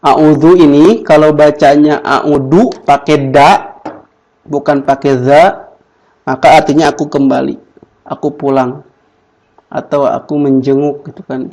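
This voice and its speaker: A man teaches a class in an unhurried, fairly high voice. He keeps drilling his students with the same short questions, over and over. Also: steady tone, a little mellow, poor audio. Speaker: Quran Arabic teacher. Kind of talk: classroom lesson.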